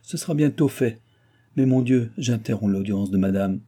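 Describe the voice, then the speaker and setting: Man doing a flattering courtier viscount, emphatic, dark husky voice. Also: lowish voice, normal speed. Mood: indignant. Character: scheming male viscount, smooth courtier. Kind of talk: audiobook reading.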